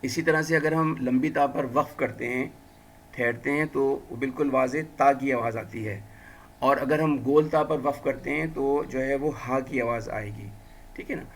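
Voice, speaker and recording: A man teaching a language lesson, drilling words slowly and deliberately with frequent fillers. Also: medium pitch. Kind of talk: classroom lesson.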